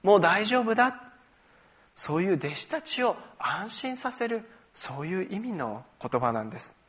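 Pastor guy giving a sermon, kinda higher voice, patient explaining, little jokes at his own expense. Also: big pitch swings, moderate pace. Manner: explanatory, leads congregation in scripture reading, gentle self-deprecating humor.

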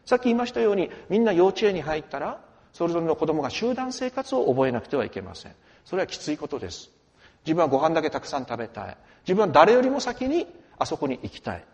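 Man, pastor, emphatic sermon, very lively pitch, long reverb. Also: fast talker, muffled recording. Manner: lively, emphatic preaching with dramatic swings in volume.

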